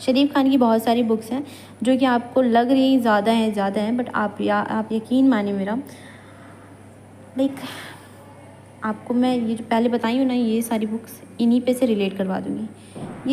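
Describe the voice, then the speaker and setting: Kashmiri-accented woman teacher, higher mellow voice, patient classroom lecture with long reverb and a faint hiss. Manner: patient, chatty teacher mixing Hindi and English. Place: college lecture room. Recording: hall reverb, faint background noise.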